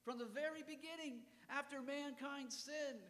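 A man preaching a sermon as pastor, swinging from loud cries to hushed whispers and asking the congregation direct questions. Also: extremely high pitch, normal speed, in a large hall. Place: church sanctuary.

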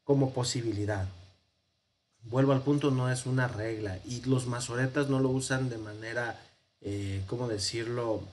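A man's voice: mid-range voice, moderate pace, darkish tone, a little hiss or hum. A man with a Mexican Spanish accent teaching a Hebrew grammar lesson, explaining patiently with fillers and frequent check-ins with his class.

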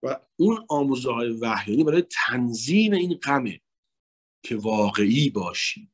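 A man from Iran with a husky voice gives an animated, emphatic religious lecture on psychology, his tone jumping between loud high points and hushed asides.

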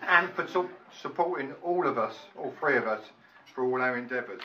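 A man's voice: mid-range voice, lively intonation, brisk. Distant, echoey father giving a speech. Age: middle-aged. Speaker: father of the bride. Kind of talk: prepared wedding speech. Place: large function room at a wedding reception. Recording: echoey room, distant mic, muffled, loud noise.

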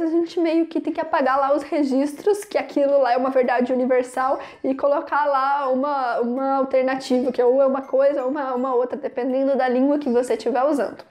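A young Brazilian woman with a Brazilian Portuguese accent, chatting casually as she teaches French pronunciation. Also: high-pitched. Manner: chatty, explains with lively examples. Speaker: French teacher, channel host. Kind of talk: casual video lesson.

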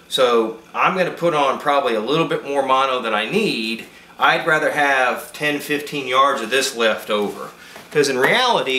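A man, a fishing captain, giving a casual how-to demonstration alone at a table, talking in a relaxed, rambling way full of fillers and restarts. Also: mid-range voice. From east central Florida. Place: indoor room at a table, filming alone. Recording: echoey room, faint background hum.

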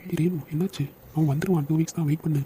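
A man's voice: on the high side, steady tone, fast talker, mellow, a little hiss or hum, close to an everyday voice, rough recording. A man voicing a caring young brother and loyal friend in a cartoon, brotherly and teasing. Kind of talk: cartoon dialogue acting.

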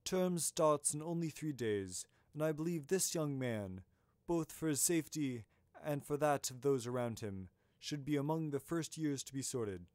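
A man voicing a wise elderly male headmaster who speaks gently, formally and firmly. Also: on the high side, animated, normal speed, no echo, clean studio sound, close to an everyday voice.

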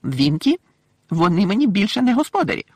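A man voicing a timid, excitable male house-elf servant with a squeaky, servile way of talking in an audiobook. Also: moderate pace, no echo, full character voice. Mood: nervous proud. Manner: squeaky, servile, calls everyone young master.

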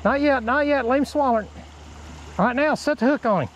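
Encouraging fishing guide by a creek. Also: male voice, very high voice, fairly quick, slight background noise, low-quality recording. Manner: encouraging, gives short repeated instructions. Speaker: fishing bait company host. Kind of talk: outdoor fishing vlog coaching. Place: outdoors by a creek. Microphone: body-worn action camera. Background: running stream water.

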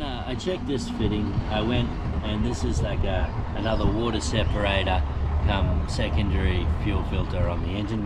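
A middle-aged sailing vlogger with a fairly low voice sits in a small inflatable boat on a marina canal, giving a chatty, practical, self-mocking how-to on repairing an action camera. Loud wind and water noise fills the outdoor recording.

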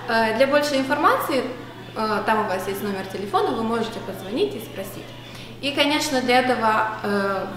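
A woman who is a cosmetology student, explaining the program carefully with some hesitations. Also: mid-range voice. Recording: echoey room with music.

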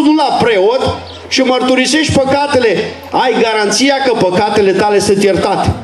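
High-voiced man preaching on the street. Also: roomy sound, slight background noise. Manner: earnest, urgent, exhorting. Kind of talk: open-air street sermon.

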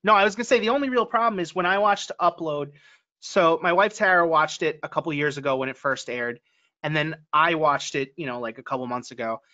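A man's voice: fairly high pitch, brisk, pushed and bright. A man co-hosting a podcast in casual chat, talking with a headset over a video call, laughing often and acting out quoted lines. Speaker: podcast co-host. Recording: dull lo-fi video call audio.

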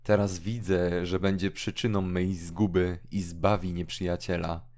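A brooding, feverish young hermit, read by a man in a deep, slow, mournful voice. His lines turn restless and anguished as he speaks. It is an audiobook drama reading. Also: level tone, darkish tone. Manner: mournful, rising into agitated outbursts.

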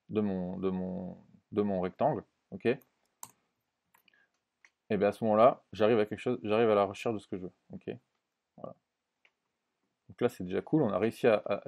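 A man presenting a screen-recorded software tutorial in a casual way, thinking aloud with many fillers and restarts and often checking in with the viewer. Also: fairly low pitch.

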